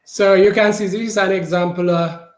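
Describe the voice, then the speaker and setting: Give me a lecturer on an online call whose sound crackles and cuts in and out, speaking haltingly and searching for words. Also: medium pitch, steady tone, roomy sound. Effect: crackly connection cutting in and out. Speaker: guest lecturer. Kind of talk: online class presentation. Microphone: computer mic on a video call.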